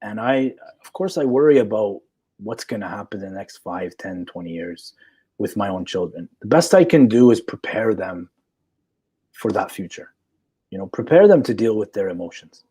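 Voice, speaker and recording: A man's voice: on the low side, animated, moderate pace, mellow, breathy edge. A man in his forties, a psychologist in a live chat, talking assertively and checking in with "okay?" as he explains. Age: 40s. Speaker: guest psychologist.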